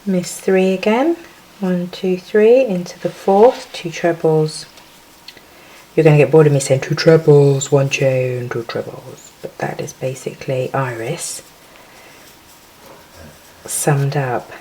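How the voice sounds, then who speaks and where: A woman's voice: sits low, fairly even intonation, takes it slowly, pauses often, warm tone, low-quality recording. A woman hosting a casual crochet tutorial, chatty and giggly, counting stitches aloud as she works.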